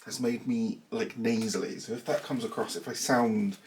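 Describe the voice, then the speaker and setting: Steady in tone, mid-range and darkish, this man speaks at a moderate pace against slight background noise. A knitting vlogger with a southern English accent from southern England, he chats casually to his camera mic at home in a small cluttered room, rambling with self-deprecating asides while sounding a little nasal and blocked up.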